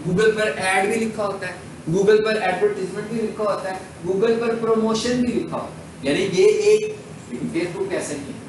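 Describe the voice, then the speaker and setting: A man with a Pakistani accent lecturing a class on digital marketing, asking questions and answering them himself as he explains step by step. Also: high-pitched. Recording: echoey room, faint background hiss.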